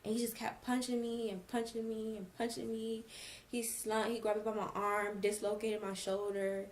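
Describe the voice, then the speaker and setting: A woman's voice: fairly high pitch, little pitch movement, normal speed, a little hiss or hum. A young woman vlogger telling a personal story in a casual storytime style, acting out quoted dialogue with emphasis. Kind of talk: storytime vlog, casual retelling.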